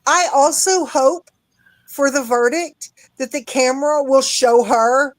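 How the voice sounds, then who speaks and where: Female co-host, casual chat, slow pace, slightly high voice, dry close sound. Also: dry recording. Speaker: livestream co-host.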